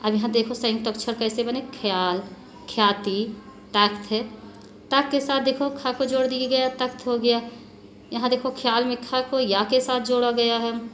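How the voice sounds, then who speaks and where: A woman's voice: fairly high pitch, little pitch movement, normal speed, a little hiss or hum. A woman teacher patiently explaining a grammar lesson to children, spelling out letters and repeating points. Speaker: school teacher.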